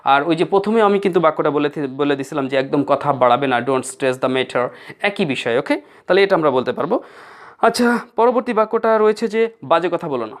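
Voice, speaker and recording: A Bengali-speaking man teaching spoken English phrases, saying each one slowly and spelling words out letter by letter. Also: fairly high pitch, lively intonation.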